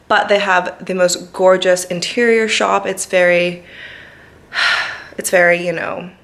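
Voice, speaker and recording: A woman giving a casual vlog tour of her flat on a handheld camera, chatty and rambling with many fillers. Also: fairly low pitch. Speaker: vlogger. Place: flat, indoors. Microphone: handheld vlogging camera.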